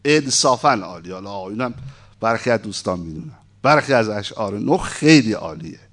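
A man's voice: on the low side, animated. A man giving an informal lecture, reading a text aloud and breaking off into conversational, wry asides. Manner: conversational, asides and wry humor between read passages.

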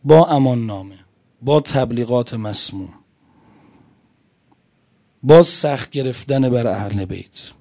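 Dark-voiced male preacher. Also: medium pitch. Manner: addresses listeners directly, swings between loud emphasis and quiet lines. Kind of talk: religious sermon with storytelling.

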